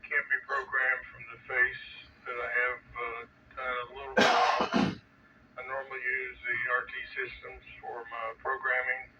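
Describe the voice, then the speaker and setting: Male ham radio operator, very even delivery, distant-sounding two-way radio with static. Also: medium pitch, measured pace. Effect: two-way radio transmission with static. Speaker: amateur radio net participant. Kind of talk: amateur radio check-in talk. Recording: dull, distant radio signal, faint static.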